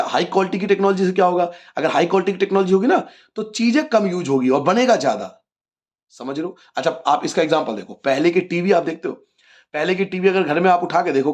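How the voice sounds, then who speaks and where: Male teacher explaining a lesson. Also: fairly high pitch. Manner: asks and answers his own questions, repeating key points; addresses students as children. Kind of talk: class 10 geography lesson.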